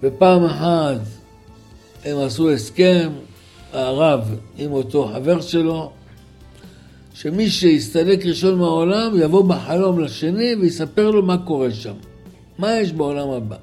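A man telling a religious story as a sermon, dramatic, acting out the characters' shouts. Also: a little high, animated, faint music behind. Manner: dramatic, acts out voices and shouts.

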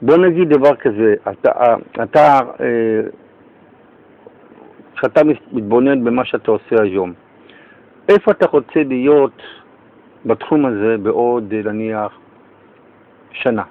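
Male radio host: lively, excitable storyteller, average pitch, muffled lo-fi broadcast sound. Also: pauses often. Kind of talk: radio interview.

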